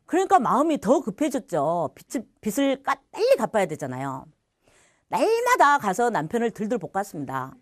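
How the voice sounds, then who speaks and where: Animated Korean woman giving a testimony. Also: a little high, normal speed, no echo, clean studio sound. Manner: lively storytelling, acting out quoted voices. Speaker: church testimony speaker. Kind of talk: personal faith testimony.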